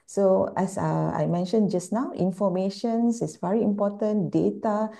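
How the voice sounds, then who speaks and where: At an online conference, a university speaker with a Malaysian accent gives a plenary lecture, explaining things step by step with repetition and rhetorical questions. Her mid-range voice is creaky and dark-toned, at a moderate pace.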